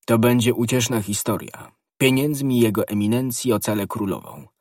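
A man's voice: medium pitch, normal speed, no room sound, studio quality, close to an everyday voice. A man doing an ardent young guardsman. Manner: ardent, impulsive. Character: bold, hot-headed young male guardsman.

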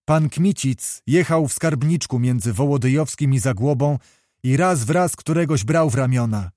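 A man reading a classic novel aloud as an audiobook narrator, in steady, measured storytelling. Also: mid-range voice, no room sound, clean studio sound.

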